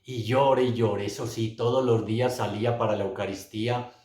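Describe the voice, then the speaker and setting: A man's voice: fairly low pitch, steady tone, moderate pace, a little mellow. A middle-aged man giving an earnest, emotional religious testimony, speaking straight to his listeners. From Colombia. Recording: roomy echo.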